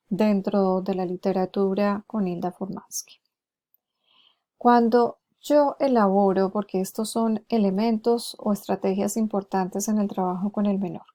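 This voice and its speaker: A woman lecturing on therapy strategies, explaining each one and slowing down to model words clearly. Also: mid-range voice, warm tone. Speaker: lecturer on hearing-impaired therapy. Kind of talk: recorded lecture with acted examples.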